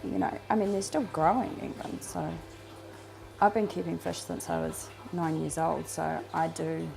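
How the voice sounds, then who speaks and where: The audio is poor in this handheld-camera clip of a New Zealand-accented woman showing off her home fish room. A fishkeeping vlogger with a lowish voice and vocal fry, she chats casually and rambles, often saying um and starting over.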